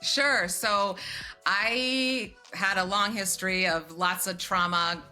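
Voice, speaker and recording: Bright-voiced Croatian-born woman in her forties. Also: mid-range voice, steady tone, clear, resonant tone, faint music behind. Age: 40s. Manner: brisk and self-deprecating, laughs often. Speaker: podcast guest. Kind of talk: candid interview storytelling.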